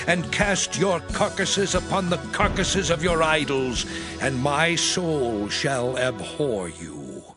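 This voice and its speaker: A stern God of the Old Testament, speaks over prominent music. The voice sits a little high and delivers scripture as solemn, measured declamation, a lawgiver pronouncing judgment in an audio drama. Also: male voice.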